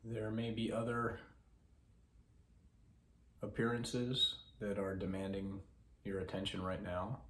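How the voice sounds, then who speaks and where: A man who teaches mindfulness, talking slowly and calmly with long pauses as he guides a meditation. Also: on the low side, reverberant, slight background noise. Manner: slow, calm, pausing instructions. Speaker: mindfulness instructor.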